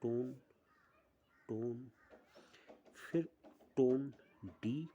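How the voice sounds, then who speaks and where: Man, music teacher, slow deliberate pace, dark mellow tone, step-by-step explaining. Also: medium pitch, highs cut off, a little hiss or hum. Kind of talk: online music lesson.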